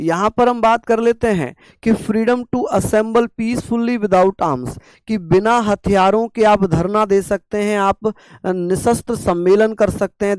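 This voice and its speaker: A man teaching a class on constitutional rights, asking rhetorical questions and slowly repeating key terms. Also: sits high, a little mellow, no room sound, studio quality.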